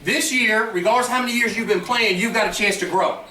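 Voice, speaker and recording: Male coach-style pep speech, fast and bright, exhorting with repeated phrases, recorded from a distance. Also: sits high. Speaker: guest motivational speaker addressing a school basketball team. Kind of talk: pre-game locker-room pep speech. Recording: distant mic, echoey room, faint noise.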